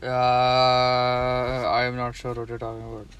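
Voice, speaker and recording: A man's voice: medium pitch, completely flat delivery, normal speed, a bit bright, far from the mic, a little hiss or hum. A young man co-hosting a podcast, joking around in casual banter. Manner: joking, recites film lines. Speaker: podcast co-host.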